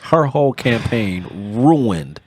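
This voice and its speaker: A man co-hosting a casual podcast, running through his points in a playful, excited way. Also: medium pitch, slow, husky, no room sound. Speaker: podcast co-host.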